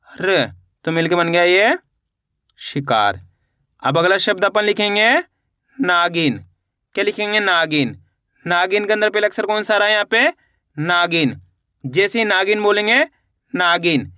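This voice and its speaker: A man with a high, bright and clear voice teaches a patient spelling lesson for beginners. He breaks each word into syllables, repeats it and asks the listener to say it back. The sound is dry and close to the mic. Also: dry recording. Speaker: Hindi reading teacher.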